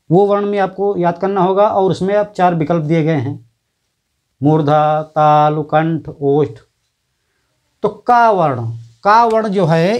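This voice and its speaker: Hindi-speaking man teaching slowly. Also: high voice. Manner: slow, repeats each letter and answer. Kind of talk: exam-prep lesson.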